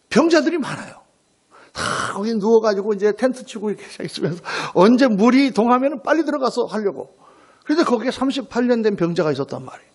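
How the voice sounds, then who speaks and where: A man preaching a Sunday sermon at a church service as pastor, telling stories vividly and asking rhetorical questions. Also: high voice. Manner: animated storytelling with rhetorical questions.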